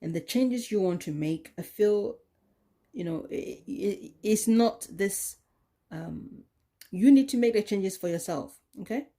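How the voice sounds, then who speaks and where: A woman giving a tarot card reading, talking in a slow, soothing way with many "okay?" tag questions. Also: medium pitch, expressive, warm tone. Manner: drops into a whisper at times. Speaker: tarot reader.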